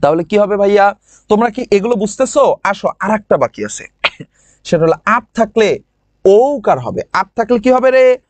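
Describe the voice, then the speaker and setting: With an expressive, high voice and no echo, a man with a regional Bangladeshi lilt leads an online admission-prep grammar class. Repetition is his method: he slowly says words again and again and keeps posing questions to his students.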